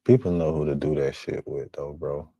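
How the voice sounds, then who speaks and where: Deep gravelly man with a blunt streaming drawl. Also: steady tone, moderate pace, dark tone, no echo. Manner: blunt, repetitive, slangy remarks. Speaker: stream host reacting to clips. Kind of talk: casual reaction commentary.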